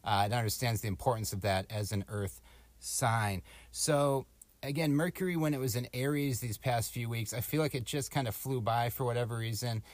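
A man chats as a podcast co-host in a dry, tight space. His talk is informal and musing, wandering from thought to thought at a middling pitch. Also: normal speed, no room sound. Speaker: podcast co-host giving astrology forecasts. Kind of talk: casual podcast chat. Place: small closet at home, door slightly open.

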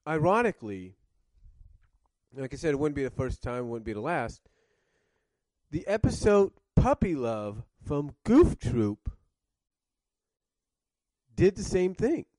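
A man's voice: fairly high pitch, big pitch swings, slow pace, pauses often, warm tone, dry recording. A man reviewing cartoons in casual commentary, rambling and circling back to rephrase, coughing now and then with a cough drop in his mouth.

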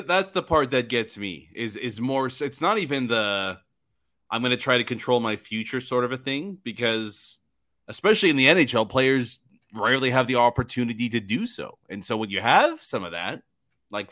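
A man co-hosting a casual sports podcast, teasing and laughing often and restarting his sentences in a halting way. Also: medium pitch, very animated, bright, forceful tone. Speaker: podcast co-host.

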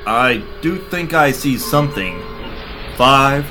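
Dick Dynamo, a gruff hardboiled hero voiced by a performer. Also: medium pitch, lively intonation, slow pace. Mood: wisecracking. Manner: gruff wisecracking 1940s tough-guy delivery. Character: cocky hardboiled male space detective. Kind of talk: parody radio-play acting. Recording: music bed under voice.

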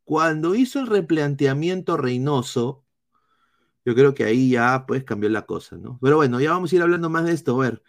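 A man with a Peruvian accent doing live football analysis, reading chat comments in a blunt, swearing style with halting restarts. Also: medium pitch, expressive. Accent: Peruvian Spanish. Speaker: football streamer.

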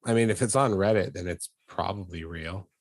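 A man's voice: low-pitched, fairly quick, darkish tone, no room sound. A man co-hosting a casual sports podcast, tossing in dry wisecracks. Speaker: podcast co-host. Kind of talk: casual chat.

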